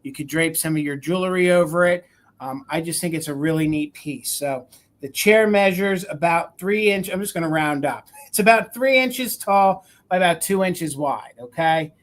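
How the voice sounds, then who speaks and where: A woman's voice: on the low side, moderate pace. A woman with a regional American accent, hosting a live vintage sale, chatting as she describes items and counts down bids. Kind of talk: live auction selling.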